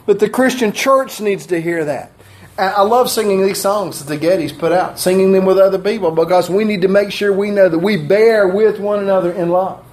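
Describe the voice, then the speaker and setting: A man preaching in a church, his voice sitting noticeably high for a man. He is middle-aged and delivers the sermon in a folksy way, chuckling at his own asides. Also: a little mellow. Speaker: pastor. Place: church sanctuary.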